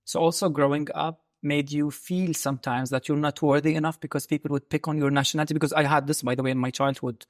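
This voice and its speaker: A woman hosting an interview, asking short, soft prompting questions. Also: deep voice, fairly even intonation, quick pace, few pauses, no room sound, studio quality. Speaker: host.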